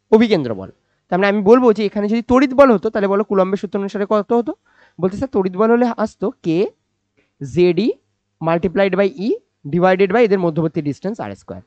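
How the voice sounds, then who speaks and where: A man teaching physics, explaining slowly and repeating points, asking questions and answering them himself. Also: very high voice, no echo. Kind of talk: classroom-style physics lecture. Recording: dry, slightly dull recording.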